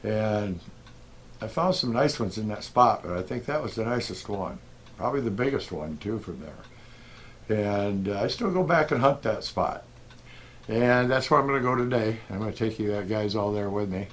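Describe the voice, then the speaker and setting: Folksy middle-aged man, low voice. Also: expressive, normal speed, a little hiss or hum. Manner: folksy, rambling, with chuckles and many fillers. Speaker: gold prospecting vlogger. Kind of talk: casual storytelling. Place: outdoors at a desert detecting spot.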